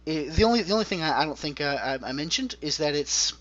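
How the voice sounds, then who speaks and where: Guy talking on a conference call, kinda high bright voice, muffled lo-fi line, chats on and on. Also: animated, fast, a little hiss or hum. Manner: chatty, explains at length. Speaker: podcast host. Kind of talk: casual gaming chat. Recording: dull lo-fi call audio.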